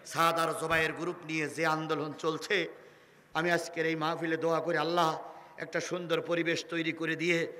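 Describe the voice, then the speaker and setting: Male preacher, high tense voice, sing-song chanting, shouting, echoey hall. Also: flat delivery, a little fast. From Bangladesh. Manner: sing-song chanting that rises to shouting, calls on the crowd to answer. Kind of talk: chanted waz sermon to a crowd.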